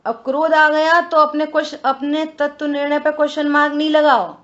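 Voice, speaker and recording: Lively woman teaching scripture, lo-fi sound. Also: sits high, a little fast. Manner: lively, rhetorical questions, teasing. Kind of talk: conversational religious discourse. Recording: dull lo-fi recording.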